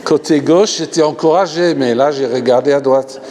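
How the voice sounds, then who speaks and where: A man's voice: a little high, normal speed, dark tone. A man with an English accent speaking French as a guest minister at a healing service, joking and laughing often and calling on the crowd to raise hands. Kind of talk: animated healing-service preaching. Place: large church hall. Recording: long hall reverb.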